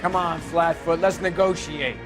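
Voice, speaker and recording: A man's voice: on the high side, fairly even intonation, moderate pace, lightly acted. An actor playing a desperate, defiant 1940s American gunman in a video game, strained and threatening. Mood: goading. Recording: loud game music behind.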